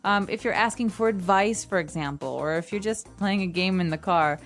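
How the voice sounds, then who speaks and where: A woman's voice: medium pitch, fairly quick. Woman co-host, casual explainer, light music faint behind. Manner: explains with everyday examples. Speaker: podcast co-host. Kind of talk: casual teaching chat.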